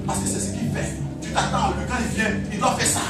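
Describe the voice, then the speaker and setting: A man preaching a sermon with passion, swinging between shouting and low murmurs, repeating phrases with a chuckle now and then. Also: steady tone, fast talker. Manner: impassioned, swings from loud shouting to low murmurs, laughing asides. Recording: very echoey hall, voice from far off, music behind.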